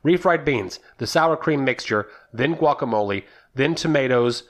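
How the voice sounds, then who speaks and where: A man's voice: mid-range voice, animated, normal speed. A man from South Texas co-hosting a podcast, chatting casually and walking through a recipe step by step. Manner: easygoing, explains recipes step by step. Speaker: podcast co-host. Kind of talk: casual chat.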